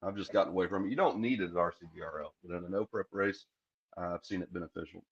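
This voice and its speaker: A low-voiced man chats easily on a live stream, filling pauses with "uh" and "um" as he explains technique. The sound is dull and lo-fi. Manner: relaxed, explains technique with fillers. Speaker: stream commentator. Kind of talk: casual live commentary.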